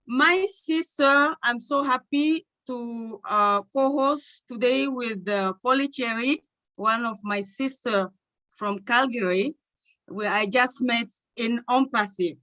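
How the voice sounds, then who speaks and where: High, bright-voiced woman from Togo. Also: poor audio. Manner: warm, excited, halting with fillers. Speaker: co-host. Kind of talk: online panel hosting.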